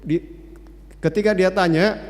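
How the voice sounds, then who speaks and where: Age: about 60. Sex: man. Role: church announcer. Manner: chatty, hesitant, with frequent fillers. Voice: fairly high for a man. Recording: long church-hall reverb. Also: fairly even intonation, measured pace.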